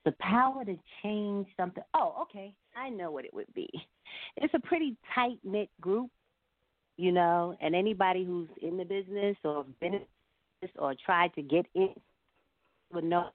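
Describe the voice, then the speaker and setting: Interviewed as a singer over a narrow-band, phone-like line, a woman answers at length in a conversational, reflective way. Her voice is fairly low and her pace moderate, with no room sound.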